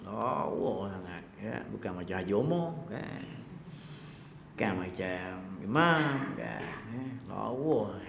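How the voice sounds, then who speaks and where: A man's voice: medium pitch, slight background noise. A man with a Malaysian Malay accent giving an evening mosque lecture, telling a story with humour and acting out its voices. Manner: animated, joking, acts out voices in the tale. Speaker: religious teacher. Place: mosque hall. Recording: echoey hall with long reverb.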